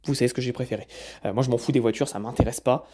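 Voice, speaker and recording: Chatty Frenchman with a dark voice. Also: medium pitch, steady tone, rapid-fire. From France. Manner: chatty, stumbles and repeats words. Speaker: vlogger. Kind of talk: casual recap vlog.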